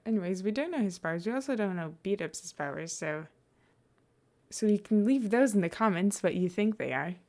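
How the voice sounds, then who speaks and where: A young woman who reads podfic and hosts chats casually to listeners in a rambling way, hesitant, often trailing off and correcting herself. Her medium-pitched voice is a little mellow, fairly quick and lively in intonation.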